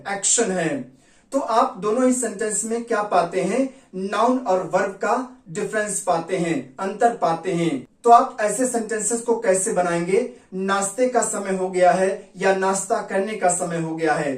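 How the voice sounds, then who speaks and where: A woman gives a Hindi-language spoken English lesson, spelling out each example sentence slowly, twice over. Her voice sits in a roomy, echoing space and comes from some way off the mic. She has a mid-range voice and a patient teaching manner. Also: mid-range voice, a little mellow. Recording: roomy echo, distant mic.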